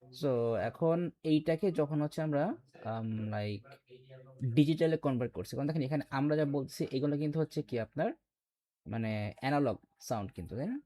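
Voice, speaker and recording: Mellow-voiced man teaching a class. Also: fairly high pitch, brisk. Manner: quizzes students, explains step by step. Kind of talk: classroom lecture.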